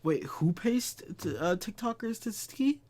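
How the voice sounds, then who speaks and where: A man's voice: sits high, lively intonation, measured pace, a little mellow. A man in his twenties hosting a casual chat, ranting and swearing freely. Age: 20s. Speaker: podcast host.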